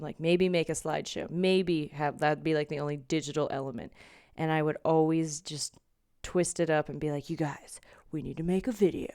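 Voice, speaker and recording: A woman's voice: low voice, darkish tone, clear, resonant tone, no echo, studio quality. A young woman hosting a casual solo podcast, rambling and sarcastic with lots of "like", at home in her bedroom. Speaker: podcast host.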